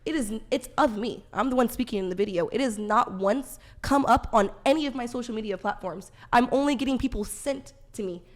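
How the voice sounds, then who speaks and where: A woman's voice: a little high, a little fast, hardly any pauses. A woman in a heated casual debate, blunt and argumentative, talking over others in slangy, profane speech peppered with filler words. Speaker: debate panelist.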